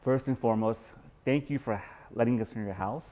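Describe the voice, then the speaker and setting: A man from Pakistan hosts a podcast interview from a guest's house, opening with formal, showman-style greetings before asking earnest questions. His voice is medium-pitched, mellow and a little fast.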